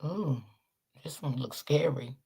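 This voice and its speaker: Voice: mid-range voice, slow pace, creaky, dark tone, slightly rough. A host giving chatty reaction commentary to viewers.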